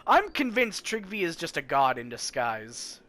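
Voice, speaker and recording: A man's voice: fairly high pitch, wildly swooping pitch, measured pace, bright, forceful tone, a little hiss or hum. A young man reading a story game aloud and chatting casually with a friend, joking and yawning. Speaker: let's play host.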